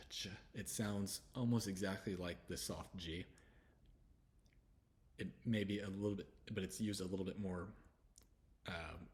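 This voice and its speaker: A man from the United States giving a relaxed English pronunciation lesson, repeating each sound slowly with chatty asides. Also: low-pitched, a little hiss or hum. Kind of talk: slide-based pronunciation lesson.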